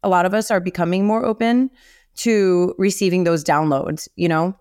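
A woman's voice: on the low side, steady tone, normal speed, darkish tone, smooth, dry recording, clean studio sound. A woman in her thirties hosting a podcast interview, chatty and upbeat with lots of "like" and "you know". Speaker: podcast host.

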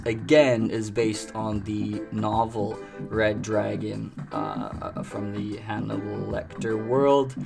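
A man hosting a music show in a laid-back, chatty way, laughing often as he talks about records. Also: fairly low pitch. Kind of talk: casual chat. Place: treehouse restaurant and bar. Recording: music clearly behind the voice.

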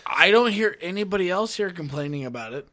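A man in casual, crude group banter as a podcast co-host, excitable and often repeating himself. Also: high-pitched, brisk, no echo. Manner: excitable, repeats himself, acts out sound effects.

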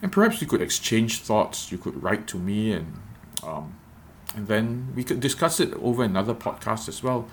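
A man giving a reflective devotional podcast talk as a preacher, measured and repeating phrases for emphasis. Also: fairly low pitch, very animated, a little hiss or hum.

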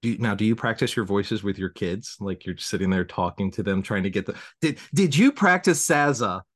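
A man's voice: on the low side, animated, a little fast, no room sound, studio quality. A man with a Southern US accent hosting a casual podcast interview, rambling and self-conscious with many restarts. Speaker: podcast host.

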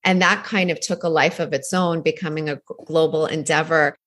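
Brief: middle-aged woman, low voice, earnest podcast guest talking eagerly about her work. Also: steady tone, a little fast, a bit bright. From Iran, raised in Canada. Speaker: guest, founder of girls' empowerment program. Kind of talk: podcast interview.

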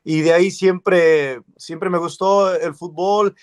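A relaxed Mexican man chatting as a guest, his voice a touch higher than most men's. He laughs easily between phrases. The sound is dry and close, with no room around it. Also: slow pace, no room sound. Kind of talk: casual conversation.

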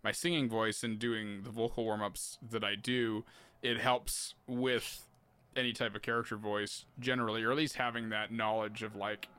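Man, bright forceful tone, lowish pitch, encouraging casual podcast host. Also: flat delivery, moderate pace, smooth, no room sound. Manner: encouraging, laughs easily, casual swearing.

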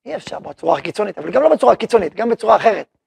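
A man gives a religious lesson to his students in a rough, gravelly voice with a breathy edge. He sits close and dry on the recording, with little room sound. He tells everyday stories, plays both sides of the dialogue, and keeps asking the class questions. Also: high voice, no echo. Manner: animated storytelling, acting out short dialogues; asks the class questions and answers them. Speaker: yeshiva head teaching a class. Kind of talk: spoken Torah lesson.

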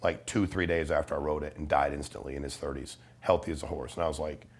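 With a bass voice, a steady tone, and a quick pace, a middle-aged life insurance salesman talks as a podcast interview guest. His manner is casual yet persuasive, blunt and emphatic, with slang and swearing mixed in.

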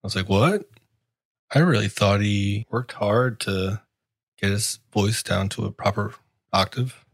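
A man with a husky, low voice riffs sarcastically on a sports podcast. His sound is dry and close, and his tone stays wry and grumbling. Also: fairly even intonation, a little slow, no room sound. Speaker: podcast co-host. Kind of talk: casual sports podcast chat.

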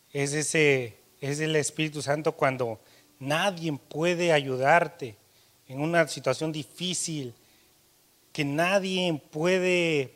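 A man preaching a sermon, telling a personal story, his voice rising louder and dropping soft. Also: on the high side.

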